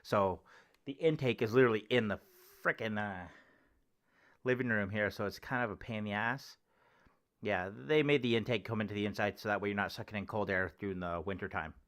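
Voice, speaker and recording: A man's voice: lowish voice, fairly quick, a bit bright. A man, rambling offhand and crude as he demonstrates a homemade microphone cover in his living room. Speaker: vlogger testing gear. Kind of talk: casual home demo. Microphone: close desk microphone with homemade foam cover.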